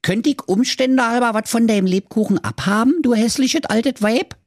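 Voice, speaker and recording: A man squeaking as a rude little piglet girl. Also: normal speed, no room sound, clean studio sound. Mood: cheeky. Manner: squeaky, insolent, sing-song. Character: small rude cheeky female piglet.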